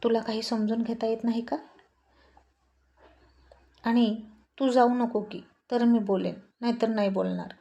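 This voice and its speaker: A woman's voice: a little high, fairly even intonation, unhurried, gravelly, pauses often, warm tone, lo-fi sound. A woman voicing a shy young village bride. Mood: bashful. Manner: bashful, pleading.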